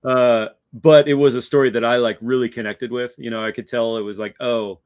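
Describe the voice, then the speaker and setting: A man hosting a casual chat, reflective and hesitant, often pausing with fillers. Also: mid-range voice, steady tone, darkish tone, clean tone. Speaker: host.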